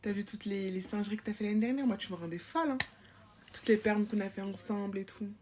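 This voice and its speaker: A woman's voice: mid-range voice, quick pace, background noise, lightly acted. Chatty, bossy school supervisor played by a woman for a POV comedy clip, rambling and slangy. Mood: teasing. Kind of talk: comic POV sketch.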